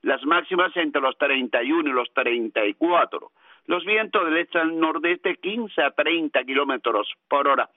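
A man's voice: fairly high pitch, normal speed, no echo. A man giving a live radio weather forecast, chatty and speaking straight to his listeners, repeating key terms. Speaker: radio meteorologist. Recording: narrow-band telephone-like radio line.

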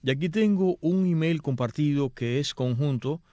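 A man hosting a radio show, reading listener emails aloud in lively, playful voices. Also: on the high side, moderate pace, no room sound, studio quality. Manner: animated, reads emails in playful put-on voices. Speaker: radio host. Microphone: headphones and studio mic.

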